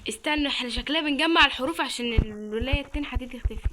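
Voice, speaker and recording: Young Egyptian woman gamer, chatty and jumpy, bright and a touch high. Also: very fast, slight background noise. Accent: Egyptian Arabic. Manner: chatty, thinks aloud, startled exclamations. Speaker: gaming channel host. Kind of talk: let's-play commentary.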